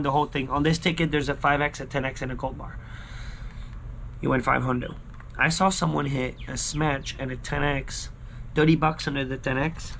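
A man's voice: medium pitch, fairly bright tone, slight background noise. A man in his thirties chatting casually to viewers as a vlog host, slangy and fond of repeating short catchphrases, recorded outdoors by a backyard pool. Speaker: scratch-ticket video host. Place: outdoors, backyard pool and screened poolside patio.

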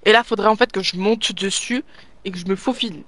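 A let's play gamer giving live gameplay commentary, thinking aloud and bursting into excited urging. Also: mid-range voice, fairly quick, no room sound.

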